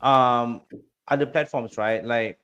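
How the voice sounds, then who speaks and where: A middle-aged man from Singapore, a guest on a crypto podcast, chatting casually in a rambling, excitable way with many repeated words. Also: mid-range voice, slow, muffled recording, slight background noise.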